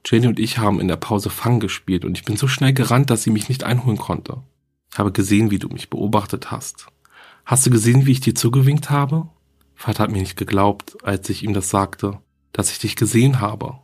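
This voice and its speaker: A man reading the part of a lonely, grieving young girl who writes to her dead mother in her diary. The voice is low and husky. The delivery is quiet and earnest, like a scripted horror reading. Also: brisk. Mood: wistful.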